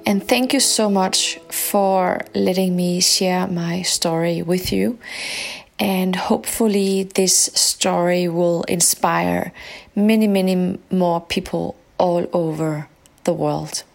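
A woman from Morocco raised in Denmark, telling her personal story on a podcast in a halting, reflective way. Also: on the low side, fairly even intonation, creaky, soft background music.

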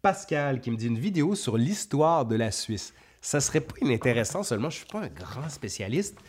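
A man's voice: mid-range voice, very animated, brisk, breathy edge. A man with a Quebec French accent hosting a casual question-and-answer session, reading questions aloud and answering off the cuff in a conversational way. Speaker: history video host.

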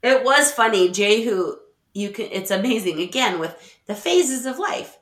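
A middle-aged podcast co-host with a voice on the high side chats casually at a moderate pace. She tells stories with lots of energy, laughing often and acting out quotes, while the recording carries a roomy echo.

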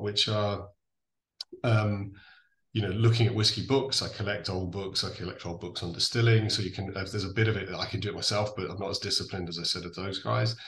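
An Irish man from Donegal explaining things in a conversational interview, thoughtful and halting, often restarting and correcting himself. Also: low voice, fairly bright tone. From Donegal, Ireland. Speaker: interview guest, distillery founder. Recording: echoey room sound.

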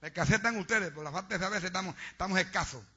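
Fervent high-voiced preacher, lo-fi. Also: male voice, rapid-fire, bright, forceful tone, breathy edge. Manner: fervent, exhorting, preaching to a congregation. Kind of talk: sermon. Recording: dull lo-fi sound.

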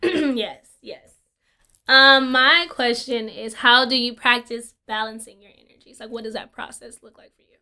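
A woman's voice: a little high, fairly even intonation, moderate pace, pushed and bright, smooth. A woman co-hosting a podcast, chatting casually with many fillers and laughs. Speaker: podcast co-host. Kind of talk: casual chat.

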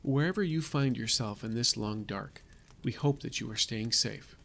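A man voicing a newspaper reporter who closes the story in a formal, measured, solemn manner. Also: mid-range voice, gravelly, fairly bright tone. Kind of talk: scripted narration in audio drama.

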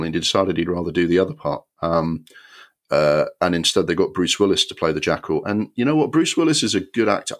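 A man hosting a film podcast, giving an animated, exasperated review with many ums and the odd swear word. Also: deep voice.

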